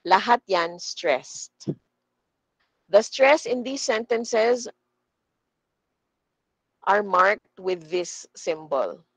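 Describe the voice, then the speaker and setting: A woman with a Filipino accent teaching a speaking lesson, slowly modeling pronunciation for her class to repeat. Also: medium pitch, animated, a bit bright, slightly rough, no echo, poor audio. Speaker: corporate trainer.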